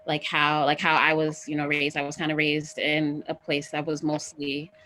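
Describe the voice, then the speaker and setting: A woman's voice: low-pitched, monotone, normal speed, bright, forceful tone. A young woman in a casual group discussion, talking loosely with many "like"s and "you know"s.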